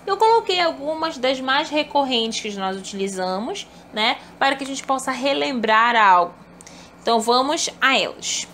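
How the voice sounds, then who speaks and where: A woman teaching a recorded online lesson, her voice sitting a little high for a woman. She explains step by step and addresses her pupils fondly. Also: animated, normal speed, fairly bright tone, slight background noise.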